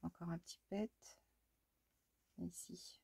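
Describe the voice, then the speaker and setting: Woman from france, low husky voice, casual crafting vlog, chatty, mutters and talks to her cat. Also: steady tone, slow pace, warm tone, no echo. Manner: chatty, mutters to herself and exclaims at mishaps; talks fondly to her cat between steps. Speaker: scrapbooking crafter.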